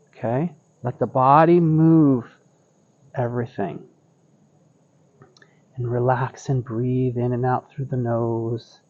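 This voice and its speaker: A middle-aged man gives serene tai chi cues in a hushed, very unhurried voice. He leaves space between short instructions, and the outdoor recording is dry and a little dull. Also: mid-range voice, dry recording. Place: outdoor wooden deck by trees.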